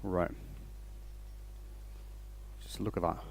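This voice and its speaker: A man's voice: extremely slow, slight background noise. A man from Denmark hosting a casual woodturning livestream, rambling and restarting his sentences as he greets viewers. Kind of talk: casual live-stream chat while working.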